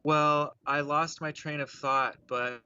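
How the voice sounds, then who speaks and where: A man calling in on speakerphone, speaking thoughtfully and haltingly as he searches for his words. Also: a little high, steady tone, sharp tone, clear, resonant tone, dry recording. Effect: speakerphone call. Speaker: caller. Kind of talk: casual call-in conversation. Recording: muffled speakerphone line with faint hiss, cutting out.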